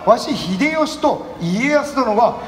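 Man playing Hideyoshi, a high-pitched excitable old samurai. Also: slow pace, full character voice. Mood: proud storytelling. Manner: animated, folksy old-man speech, projected. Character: excitable, self-deprecating grubby old samurai warlord. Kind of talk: live comic stage samurai performance. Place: festival stage at night. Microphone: headset through PA. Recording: echoey stage PA with background noise.

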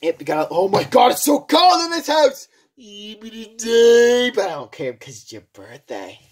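A woman's voice: fairly low pitch, wildly swooping pitch, moderate pace, slightly rough. A woman improvising a home toy-play skit in a dramatic, grumbling, exclaiming way. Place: small room indoors at home. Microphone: handheld camera or phone. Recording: faint noise, clicks, handheld home camera.

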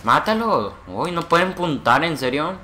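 A man giving excitable gameplay commentary, swearing and making gun noises. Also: on the high side, a little slow, a little hiss or hum. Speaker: gamer playing a shooter.

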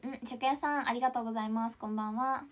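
A woman in her twenties from Ishikawa, Japan, chats casually on a livestream, giggling as she reads comments aloud. Her voice sits on the high side with a steady tone, and she talks at a racing pace. Her accent is mostly standard Japanese with Kansai touches slipping in, and there's slight background noise.

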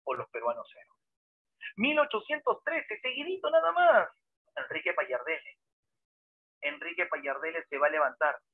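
A man, a history teacher giving a lively lecture full of dramatic storytelling and rhetorical questions, heard over a tinny phone-like line. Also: fairly high pitch, moderate pace, long pauses, no echo. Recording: dry, tinny phone-like sound.

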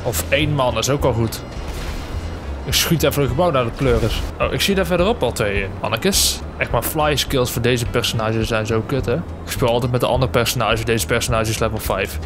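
A man's voice: mid-range voice, brisk. Een man met een Nederlands accent die een game speelt en druk commentaar geeft, vaak schreeuwend, vloekend en grappend. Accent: Dutch. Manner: excitable, swearing, yelps and jokes while playing. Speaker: gamer. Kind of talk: casual gameplay commentary. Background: game music.

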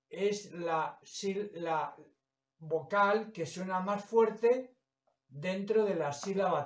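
Slow, patient teacher with a high voice. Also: male voice. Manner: slow, patient, broken into short phrases. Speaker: primary school teacher. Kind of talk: explaining a lesson. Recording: echoey room, mic far off.

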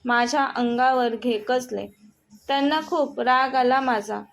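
A woman's voice: sits high, fairly even intonation, faint music behind. A woman doing a tearful young wife. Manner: sobbing, slow and small-voiced.

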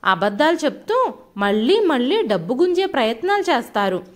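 A harsh, raised voice for a proud young office man who snaps at his father in anger, played by a woman storyteller. It runs high and swings widely. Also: sing-song, normal speed. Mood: scornful. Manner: harsh, scornful. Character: arrogant, angry young office-worker son.

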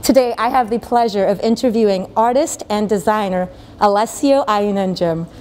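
A woman's voice: mid-range voice, normal speed, a little mellow. A woman hosting an interview in a studio, upbeat and welcoming as she introduces and questions her guest. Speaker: host. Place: dim studio with armchairs.

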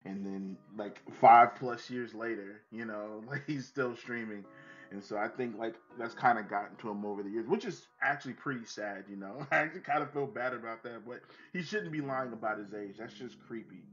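A man interviewing a guest over a voice call, asking questions in a relaxed, chatty way. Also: medium pitch, fairly quick, highs cut off, soft background music.

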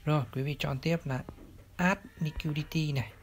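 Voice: medium pitch, moderate pace. A channel host gives step-by-step narration for a screen tutorial. The host speaks politely, addresses viewers formally, and points out each step on screen. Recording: clear steady background noise.

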